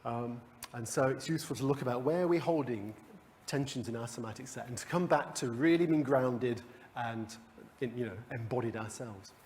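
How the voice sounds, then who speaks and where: A man's voice: mid-range voice, normal speed, darkish tone. Man leading a workshop in a hall. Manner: conversational, with frequent restarts and chuckles. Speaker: coaching workshop leader. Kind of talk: live workshop teaching. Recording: long hall reverb.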